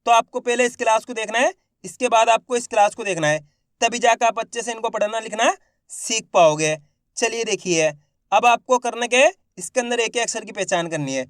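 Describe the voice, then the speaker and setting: A man teaching Hindi reading, sounding out each syllable slowly, then joining them into words and asking the viewer to repeat. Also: extremely high pitch, a bit bright, no echo, studio quality. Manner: slow, syllable-by-syllable drilling with repeated prompts; addresses viewers directly as friends. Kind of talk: classroom-style lesson to camera.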